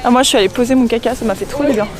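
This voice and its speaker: A woman's voice: a little high, rapid-fire. A young woman vlogging at a horse show, chatting casually, laughing and swearing now and then. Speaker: vlogger, show jumping rider. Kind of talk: casual chat.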